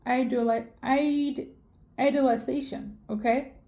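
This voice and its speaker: A young Swedish woman who reads tarot gives a rambling spiritual reading, a little slow and fairly even in intonation. Her voice sits a little high with a soft, mellow tone, and her speech is full of fillers, restarts and self-corrections.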